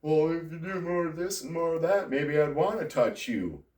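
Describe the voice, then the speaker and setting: Guy doing a snippy high wife voice, mocking, echoey room, far from mic. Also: lively intonation, moderate pace, a little mellow, natural voice. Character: demanding wife, woman, cold. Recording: roomy sound, distant from mic.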